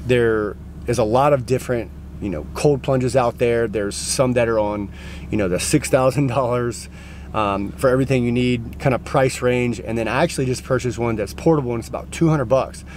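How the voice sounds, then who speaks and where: A man in his thirties with an American accent talks casually to his vlog audience. His voice sits at an ordinary pitch for a man. Light ambient noise runs behind the speech. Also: normal speed, darkish tone. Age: 30s. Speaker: vlogger and gym owner. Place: outdoors on forest trail, later inside a car. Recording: clear outdoor and vehicle background noise.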